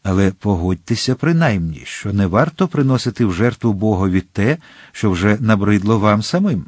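A man's voice: fairly low pitch, animated, normal speed, darkish tone, breathy edge, dry recording, clean studio sound. A man doing a polite, vain young would-be priest. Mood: polite earnest. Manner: courteous with a hint of irritation.

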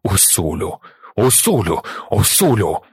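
A man voicing a loyal, weathered old male desert warrior who sounds strained and pleading, in a lower, husky voice. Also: animated, brisk, dry recording, studio quality. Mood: anguished.

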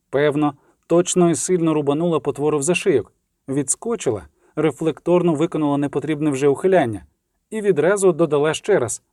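A man's voice: a little high, mellow, no echo, studio quality. A man narrating a fantasy story steadily and evenly. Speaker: audiobook narrator.

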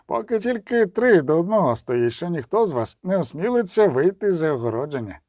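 A boastful, portly middle-aged merchant, as a male reader puts him on, speaking smugly in a high, lively voice. The recording is dry and close. It is a storybook reading. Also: brisk, no echo.

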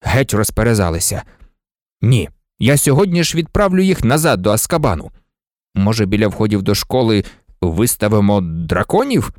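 A man's voice: on the low side, expressive, normal speed, darkish tone, dry recording, studio quality, voice pushed down, lightly acted. A man voicing a flustered, blustering male official who grumbles and barks in an audiobook. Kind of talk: audiobook character voice.

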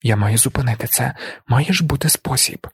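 A man reading a fierce noble mother in an audiobook, cold and threatening, protective of her son. The voice stays close to his own, only slightly raised in pitch, with a dry sound. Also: fairly quick, slightly rough, dry recording. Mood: inner thought.

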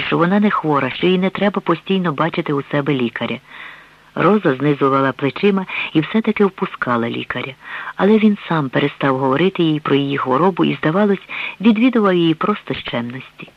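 A man reads a novel aloud in steady, measured narration. His voice sits slightly high. The recording is dry and dull, like an old radio broadcast. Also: no room sound. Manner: even, measured storytelling. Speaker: audiobook reader. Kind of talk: scripted narration.

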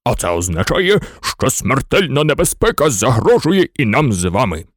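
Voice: medium pitch, very animated, normal speed, no room sound, clean studio sound. A narrator voicing a suspicious toy general who barks commands to his soldiers, in a storybook reading. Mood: commanding. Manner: barking commands.

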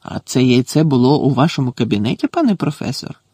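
A man voicing a breathless, shrill old male caretaker who is furious and spiteful, in an audiobook. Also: big pitch swings, brisk, a little mellow, slightly rough, no room sound, clean studio sound. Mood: fawning. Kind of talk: audiobook character voice.

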